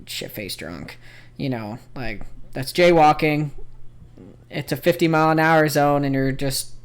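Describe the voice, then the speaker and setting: A young adult man co-hosting a podcast, telling rambling stories in casual chat with lots of fillers. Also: mid-range voice. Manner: rambling storyteller with many fillers. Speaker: podcast co-host.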